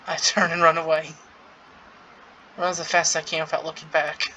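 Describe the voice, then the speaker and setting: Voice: mid-range voice, little pitch movement, moderate pace, pushed and bright, a little hiss or hum, rough recording. A gaming creator reading story dialogue aloud in a casual, giggly way while commenting on it. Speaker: gaming content creator playing through a story event.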